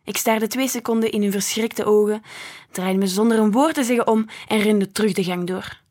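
A woman reads a children's book aloud in a soft, breathy voice, gentle and expressive. Her pitch sits at an ordinary middle height. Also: normal speed. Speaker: storyteller.

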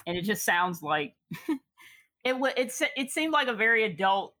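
Bright-toned woman telling a story. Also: fairly high pitch, big pitch swings, a little slow, no echo. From Chicago. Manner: laughs often, reflective, many fillers. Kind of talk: casual storytelling conversation.

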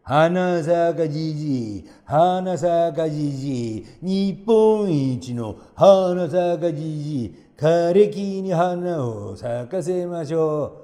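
A man voicing a greedy, boastful old neighbor in a folk tale, bellowing a slow chant. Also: mid-range voice, animated, creaky, exaggerated voice. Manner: loud, slow, shouting chant. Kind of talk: storybook reading.

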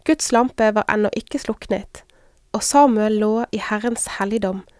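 A woman reading scripture aloud at a measured pace. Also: medium pitch, darkish tone, no room sound, studio quality. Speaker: scripture reader. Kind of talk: Bible reading.

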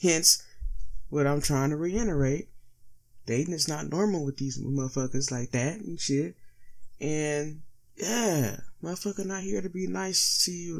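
A man's voice: on the high side, vocal fry. Stoned, slangy male podcast host. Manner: slangy, heavy swearing. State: stoned, sluggish from being high. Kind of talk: casual solo podcast monologue.

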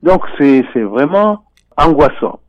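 A man commenting on finance and economics over a telephone line on a radio show, speaking in a measured, deliberate way with frequent hesitations. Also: a little high, very animated, dry recording. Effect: voice heard over a telephone line. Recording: muffled phone line, dry.

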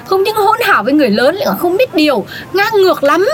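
A woman's voice: extremely high pitch, very animated, fast, background noise. A woman voicing a feisty, meddling older woman café owner who scolds and bosses others in a comedic audio drama. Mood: scolding. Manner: bossy, scolding, swooping.

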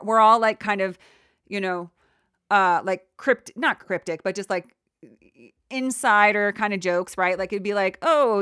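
A young adult woman hosting a reflective solo podcast, talking in a gentle, encouraging way that rambles with many fillers. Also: mid-range voice, dry recording, clean studio sound. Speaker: podcast host.

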